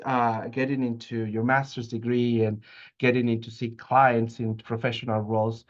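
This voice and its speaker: A man in an academic discussion on counseling practice. He lectures earnestly and pauses often with hesitations. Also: medium pitch, a little mellow. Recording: dull lo-fi audio.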